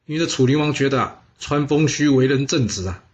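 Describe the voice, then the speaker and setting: A man's voice: medium pitch, a little fast, dull audio, slight background noise. Chatty man telling a history story. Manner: chatty, lots of particles and asides to listeners. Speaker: storyteller host.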